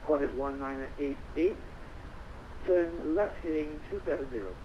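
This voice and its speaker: A man with a fairly high voice gives air traffic control instructions, reading numbers out one digit at a time. The recording is dull and lo-fi, with faint noise behind him. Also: a little slow, mellow. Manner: procedural, digit-by-digit phrasing.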